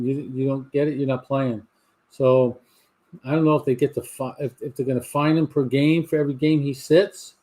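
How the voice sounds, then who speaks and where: A man in his sixties hosts a live cigar talk show from his home garage, chatting casually with a live audience. He tells rambling stories, restarting often, in a medium-pitched, mellow voice.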